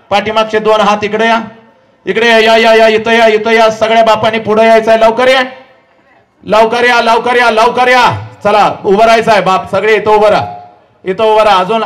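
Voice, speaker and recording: A man giving an impassioned public lecture to a live audience. He shouts, pleads and scolds his listeners directly. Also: high voice. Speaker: public speaker addressing an audience. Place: live event before an audience.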